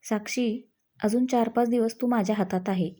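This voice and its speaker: A woman's voice: a little high, moderate pace, warm tone, lightly acted. Woman reading a teasing young husband. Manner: playful, coaxing.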